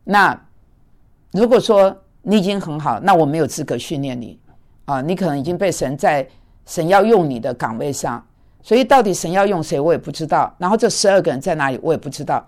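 Woman preacher, blunt, scolding, lower-pitched voice, animated delivery. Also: brisk. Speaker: preacher and mentor. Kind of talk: sermon. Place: speaking in Manhattan.

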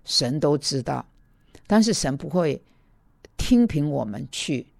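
A man's voice: a little high, sing-song, slow, gravelly, no echo, studio quality. A man preaching in an earnest, self-critical way, telling personal stories and talking straight to his listeners.

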